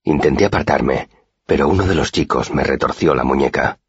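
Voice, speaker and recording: A man narrating a first-person fantasy audiobook in an expressive storytelling manner. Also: very deep voice, a little fast, slightly rough, no echo, dull audio.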